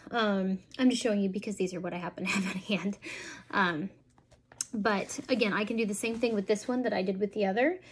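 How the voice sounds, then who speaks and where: A woman in her thirties, a homeschooling parent, explains how to teach reading at home. Between her explanations she reads picture book lines aloud slowly, with exaggerated inflection. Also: mid-range voice, husky.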